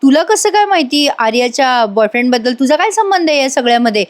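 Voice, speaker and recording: A woman voicing an indignant sharp-tongued young woman. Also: sits high, lively intonation, quick pace, pitched above the performer's own voice. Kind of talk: acted dialogue in a serial recap.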